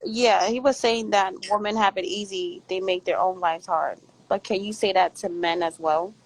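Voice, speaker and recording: A woman's voice: medium pitch, steady tone, moderate pace, poor audio. A woman calling in from work over a bad connection that keeps breaking up, giving brief, matter-of-fact replies. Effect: choppy call audio, breaking up on a bad connection. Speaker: remote call-in participant. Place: at her workplace.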